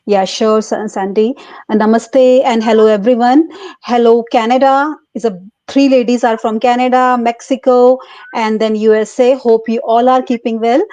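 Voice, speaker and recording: Guest from India: woman, higher voice, dry and a bit dull, polite and unhurried. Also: steady tone, dry recording. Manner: polite, unhurried, warm greetings. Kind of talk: interview answers.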